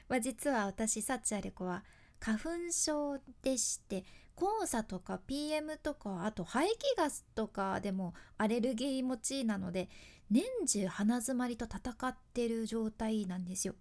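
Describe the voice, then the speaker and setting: A woman host with a Kyushu accent talks in a high, bright-pitched voice that rises and falls a great deal. She moves easily between polished announcer phrasing and relaxed dialect chat, like a friendly podcast. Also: unhurried. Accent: Kyushu Japanese. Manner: mixes polished announcer delivery with chatty dialect asides. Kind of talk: casual podcast talk with tips.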